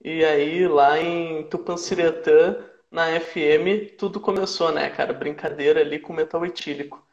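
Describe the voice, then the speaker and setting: A man's voice: a little high, fairly even intonation, moderate pace. A man with a Rio Grande do Sul accent, chatting casually as a podcast guest and often tagging his lines with "né, cara?". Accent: Rio Grande do Sul Portuguese. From southern Brazil. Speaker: podcast guest, sports and music journalist. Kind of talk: casual chat. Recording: echoey, muffled live-stream audio.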